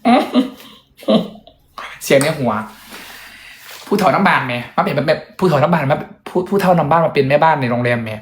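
A man's voice: on the high side, a little fast, long pauses, echoey room. A young man, a singer and vlogger, chatting casually and joking at his own expense in a hotel room. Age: young adult. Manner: chatty, joking, self-deprecating. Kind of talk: casual vlog chat.

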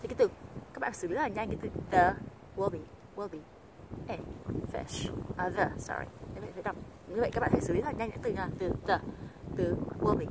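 A woman from Vietnam teaching English pronunciation in a video lesson, patiently explaining and slowly modeling example sentences. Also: medium pitch, very noisy. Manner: patient, repeats example phrases slowly and clearly.

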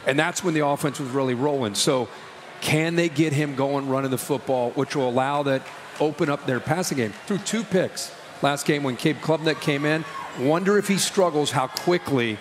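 A middle-aged man breaks down football on a live outdoor broadcast. His voice is a little higher than usual. There is faint ambient noise behind him. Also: moderate pace. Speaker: football analyst. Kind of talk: live sports analysis.

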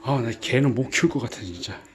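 A man talking casually in a gruff, exasperated way, scolding and sighing, with repeated commands and frequent swearing. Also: medium pitch, animated, fast. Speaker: vlogger caring for puppies.

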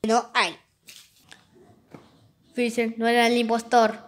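A woman doing playful plush-toy role-play of a video game, jumping quickly between excited, squealing character voices. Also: on the high side.

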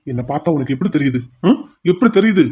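A man's voice: on the high side, lively intonation, fast talker, background noise, lightly acted. A man voicing a cruel male kidnapper in a cartoon drama, taunting and threatening his captive with mocking questions.

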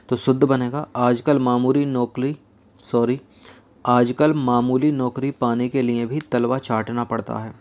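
A young man teaching an exam-prep grammar lesson, reading example sentences slowly and dropping in joking asides. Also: medium pitch, a little mellow.

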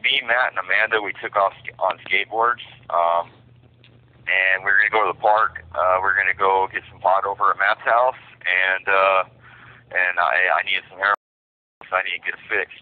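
A man with a deep, low voice tells his story over a prison phone line. He speaks haltingly and frankly, stopping often on "uh" and "um". The sound is thin and tinny, squeezed through a telephone. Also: fairly even intonation. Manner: halting, many fillers, frank. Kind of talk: personal confession by phone.

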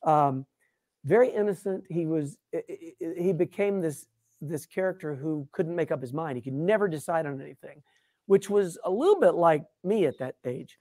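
A man's voice: on the high side, normal speed, no echo, studio quality. A middle-aged man, a guest puppeteer, chatting casually in an interview and telling stories animatedly, with frequent restarts. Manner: animated, self-deprecating storyteller with frequent restarts.

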